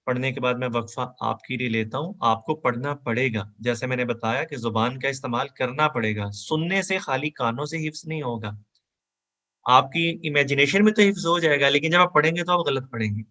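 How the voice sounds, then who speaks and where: A man with a bright, clear voice leads an online Quran lesson. He explains each letter patiently, then chants the verse slowly for students to repeat. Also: mid-range voice. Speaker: Quran teacher.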